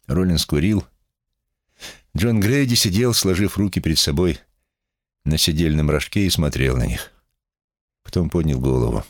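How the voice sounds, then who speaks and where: A man reading an audiobook as narrator in an expressive, measured way. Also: rumbling low, no echo, studio quality. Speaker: audiobook reader. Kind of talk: scripted narration.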